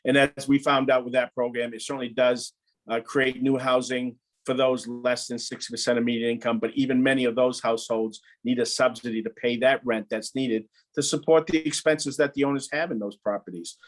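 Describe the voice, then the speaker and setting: A plain-spoken man speaks on a panel as a local housing official. His delivery is steady and direct, with a mild exasperation, at a middle pitch. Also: brisk. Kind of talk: panel discussion remarks.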